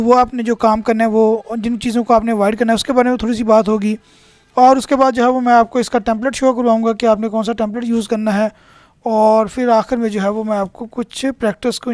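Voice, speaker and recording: A man's voice: extremely high pitch, darkish tone, no echo. Man, exam prep tutor, slide tutorial narration, step-by-step, dry recording. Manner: methodical, step-by-step explaining.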